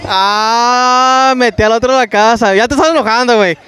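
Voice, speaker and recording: A young Mexican man with a very high voice runs a rowdy street game outdoors, talking into a handheld mic. He teases the contestants and pumps up the crowd with slang, surrounded by the bustle of a market. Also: moderate pace, pushed and bright. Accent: Mexican Spanish. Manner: teasing, hypes the crowd, slangy. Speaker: street prank show host. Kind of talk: energetic street game hosting. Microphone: handheld microphone.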